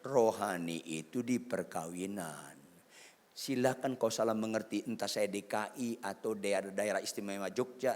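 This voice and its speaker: Joking pastor booming through a hall. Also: male voice. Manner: joking, swings from shouts to low asides. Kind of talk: sermon. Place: large worship hall. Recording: long hall reverb.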